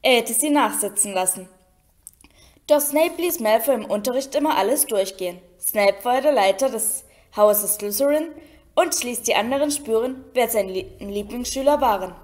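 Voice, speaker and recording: A woman reading a children's novel aloud in a steady storytelling manner. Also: fairly high pitch, moderate pace. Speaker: audiobook reader.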